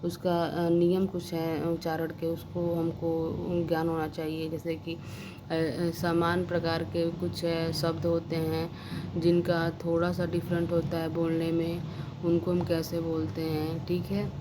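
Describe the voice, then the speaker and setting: A woman's voice: low-pitched, monotone, a little slow. A woman teaching an exam-prep lesson, explaining step by step with frequent fillers and restarts. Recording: noisy background hiss.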